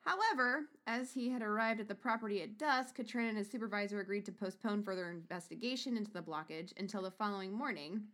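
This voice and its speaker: A woman's voice: mid-range voice, fast talker, few pauses, fairly bright tone. A woman co-hosting a casual true-crime chat, reading out case notes and breaking off into profane asides. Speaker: podcast co-host.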